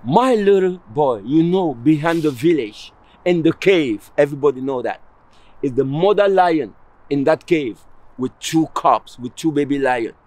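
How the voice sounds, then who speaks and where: A stern, cold-hearted father from a spoken folk tale, as a storyteller puts him on. He speaks in a voice set a little high, giving orders to his young son in a commanding tone. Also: lively intonation, a little slow, a little mellow.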